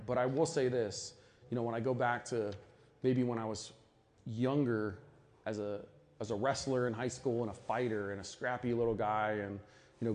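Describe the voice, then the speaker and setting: A man's voice: mid-range voice, a little mellow. A middle-aged man speaking earnestly at a faith conference, reflective, with frequent restarts and asides. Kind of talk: sermon-style talk at a conference.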